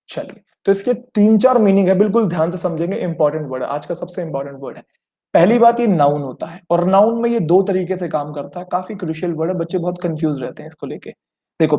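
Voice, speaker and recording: Young male tutor, high-pitched, repetitive coaching delivery for an online class. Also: warm tone. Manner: explains in Hindi with English terms, addresses students as children; repetitive, checks in often with rhetorical questions. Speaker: teacher. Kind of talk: online exam-prep vocabulary lesson.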